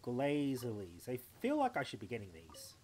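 His pitch is medium but swings hugely, his pace moderate, and his tone a little mellow, with a little hiss or hum in the audio. He is a young Australian man playfully commenting to himself while live-streaming a game at home.

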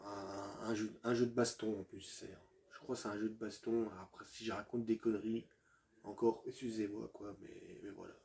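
Hesitant, mellow-voiced man. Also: on the low side, flat delivery, normal speed, gravelly. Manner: hesitant, many fillers and restarts, addresses viewers as friends. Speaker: video game collector presenting his collection. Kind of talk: casual collection showcase.

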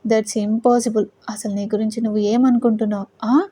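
A woman's voice: on the high side, little pitch movement, normal speed, dark tone, breathy edge, dry recording. A woman voicing a cold, domineering young husband in a storybook audio drama. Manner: cold, commanding.

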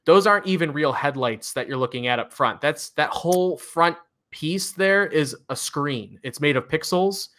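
Man, midwestern accent, bright forceful voice, enthusiastic casual car talk, lots of fillers. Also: fairly high pitch, normal speed. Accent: Midwestern American. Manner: chatty, enthusiastic, frequent fillers and laughs. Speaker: co-host of a car news show. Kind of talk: casual news recap chat.

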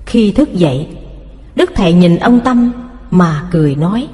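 Expressive woman storyteller, lively pitch. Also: a little slow, big-room sound. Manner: expressive storytelling, voices the characters. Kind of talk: scripted narration.

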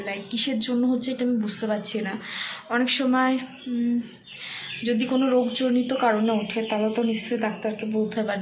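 A young woman from Bengal, hoarse and rough-voiced, stumbling over words as she talks through a casual daily vlog. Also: on the high side, a little hiss or hum. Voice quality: rough, cracking voice. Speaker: vlogger.

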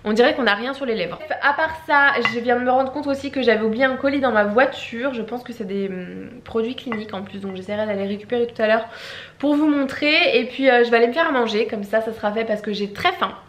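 Filming a casual vlog at home, a young beauty vlogger talks fast and rambles with plenty of fillers, her voice a little high. The indoor room is echoey, with a little hiss or hum.

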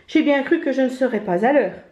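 A woman's voice: sits high, lively intonation, a little fast, a little mellow, pitched above the performer's own voice. A woman doing a teasing, cheeky raccoon. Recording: roomy, slightly dull home recording.

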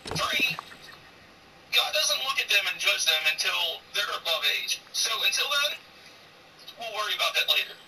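A woman's voice: mid-range voice, lively intonation, normal speed, pauses often, sharp tone, recorded from a distance, a little hiss or hum, poor audio. A woman in her forties chatting casually while streaming a game, blunt and profane and teasing, turning preachy when she talks about faith. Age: 40s. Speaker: gaming streamer.

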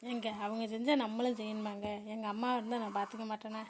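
A woman voicing a caring young daughter-in-law in a home-made cartoon, gentle and polite. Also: on the high side, level tone, fast, a little hiss or hum, natural voice. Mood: reassuring.

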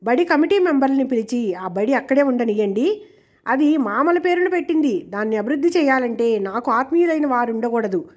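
A loyal old male servant who speaks bluntly in rustic words and sounds forever wronged, as a woman reads him out. The voice sits high. He is a storybook figure whose complaints come out plainly. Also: expressive, brisk, highs cut off. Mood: indignant. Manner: blunt and aggrieved, rustic speech.

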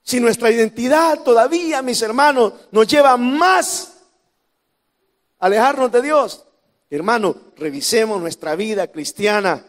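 A male pastor with a Salvadoran Spanish accent preaching a sermon, jumping from shouts to hushed lines and tossing in humorous asides to the congregation. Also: high-pitched, long reverb tail. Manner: preaching with sudden shouts and drops to near whispers.

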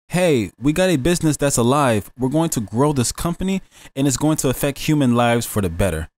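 Lively, earnest male course host. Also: no room sound. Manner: earnest, upbeat sales pitch. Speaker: business consultant and course host. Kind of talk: scripted motivational voice-over.

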